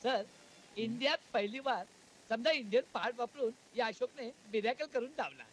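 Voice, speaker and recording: An actor playing an excitable comic man who flatters his boss in broken English. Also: very high-pitched, moderate pace, slight background noise. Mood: boasting. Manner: animated, mixes English and Marathi. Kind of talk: 1990s comedy film acting.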